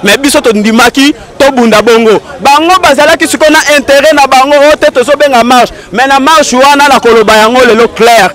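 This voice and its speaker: A man's voice: extremely high pitch, brisk, hardly any pauses, fairly bright tone. A man giving an earnest, insistent street interview outdoors in a city. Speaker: interviewee, party supporter.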